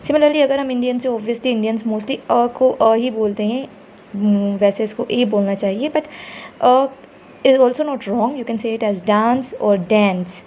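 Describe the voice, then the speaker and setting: A woman teaches a class in a slightly high voice, speaking slowly and deliberately. She walks through each example sound step by step, asking questions and answering them herself. The recording is a little dull, with faint ambience behind her. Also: a little hiss or hum. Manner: explains step by step, asks and answers her own questions, stretches example words. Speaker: English teacher. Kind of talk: classroom lesson on phonetics, mixing Hindi and English.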